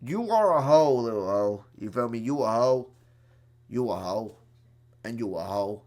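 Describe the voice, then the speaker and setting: Man streamer, crash-out rant to chat, pitch jumping all over, goes from shouting to mumbling. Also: lively intonation, measured pace. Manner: profane, swings from shouting to low mutters; repetitive, talks straight to viewers. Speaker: livestreamer.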